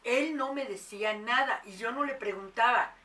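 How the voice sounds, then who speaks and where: Bright-voiced woman telling a story. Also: fairly high pitch, moderate pace, far from the mic. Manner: animated, acts out quoted voices. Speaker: mother telling a paranormal story. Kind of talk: casual storytelling.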